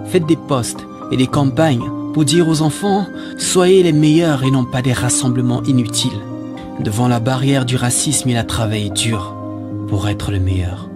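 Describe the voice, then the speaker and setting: A man's voice: medium pitch, normal speed. Male narrator for solemn, exhorting spoken-word piece, mid-range voice, music underneath. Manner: solemn, exhorting, rhetorical repetition. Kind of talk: scripted spoken-word monologue. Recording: music behind the voice.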